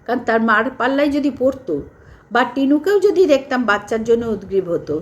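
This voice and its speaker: A woman vlogger giving an indignant critical commentary, repeating her points with emphasis. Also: fast. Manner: indignant, repetitive, lively pitch swings.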